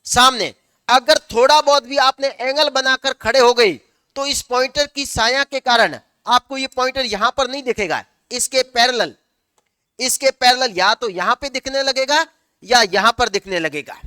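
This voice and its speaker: Male teacher, lecture delivery, self-answering questions, dictates slowly at times. Very clear, crisp tone. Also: very high-pitched, pushed and bright, no room sound, clean studio sound. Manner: asks the class questions and answers them himself; slows down to dictate notes word by word. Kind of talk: classroom lecture.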